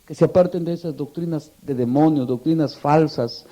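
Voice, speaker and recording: A man's voice: on the high side, normal speed, dark tone, muffled recording. A man preaching a sermon, asking the congregation rhetorical questions and telling a story with passion.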